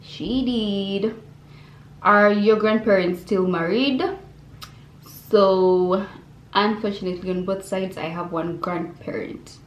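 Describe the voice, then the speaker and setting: A woman's voice: medium pitch, takes it slowly. Chatty young woman vlogging. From Uganda. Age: young adult. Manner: chatty, expressive, talks to viewers directly. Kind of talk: casual Q&A vlog. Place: bedroom indoors. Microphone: camera on desk facing her. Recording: roomy bedroom echo, faint hum.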